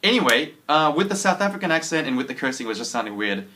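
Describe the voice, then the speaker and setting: A man's voice: medium pitch, very animated, fast talker, bright, forceful tone. A man co-hosting a casual podcast chat, rambling and hesitant, with many fillers. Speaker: co-host. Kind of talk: casual chat about a TV trailer.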